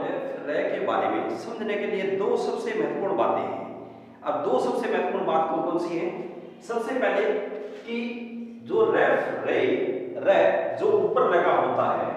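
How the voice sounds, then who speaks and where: A man's voice: high-pitched, far from the mic. A man teaching a classroom lesson, explaining spellings step by step and speaking directly to his students. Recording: echoey hall, voice from off-mic.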